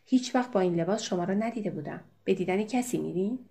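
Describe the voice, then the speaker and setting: A woman reading aloud voices a cheeky, tipsy young male villager who talks loudly in a teasing, colloquial way. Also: mid-range voice, lightly acted.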